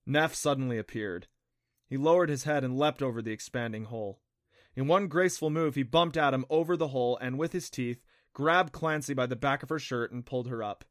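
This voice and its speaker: A man narrating an adventure novel audiobook in a steady, even reading. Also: medium pitch, fairly quick, no echo, clean studio sound. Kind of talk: scripted narration.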